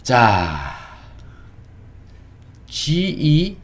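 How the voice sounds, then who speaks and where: A man teaching a casual spoken lesson as an English teacher, slow and drawn out, often checking in with the listener. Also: medium pitch, wildly swooping pitch.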